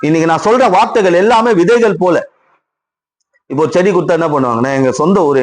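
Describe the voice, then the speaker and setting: A middle-aged male pastor with a Tamil accent, preaching a Sunday sermon, repeating lines and asking the congregation questions. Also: fairly high pitch.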